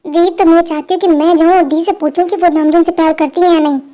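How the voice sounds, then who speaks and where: A gentle, earnest young man in a fan dub drama, soft and coaxing, as a very high-voiced dubber puts him on. The sound is very high and completely dry, with no room at all. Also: fairly even intonation, quick pace, no echo.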